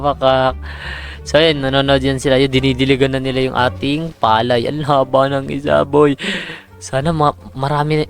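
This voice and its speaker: A man giving casual, excitable commentary on a farming game, with exclamations over big crops. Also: mid-range voice. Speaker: gaming streamer. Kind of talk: casual Roblox gameplay commentary.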